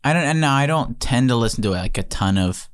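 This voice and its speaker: A man's voice: mid-range voice, lively intonation, brisk, no room sound. A man co-hosting a casual podcast, eager and chatty. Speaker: podcast co-host.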